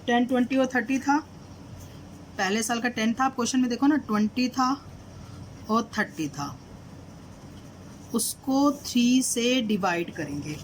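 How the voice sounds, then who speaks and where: A woman's voice: fairly high pitch, unhurried, pauses often, a little hiss or hum, rough recording. A woman teaching accounting. She explains a solved problem step by step, often asks her students questions and mixes English terms into her Hindi. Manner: asks students questions and repeats "did you understand?".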